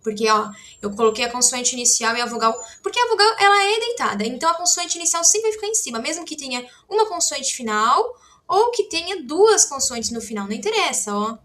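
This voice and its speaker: A woman's voice: sits high, very animated, brisk, pushed and bright. A woman teaching a casual online language lesson, explaining step by step while writing examples and often checking in with her students. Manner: chatty, frequent "né?" and "tá?" check-ins.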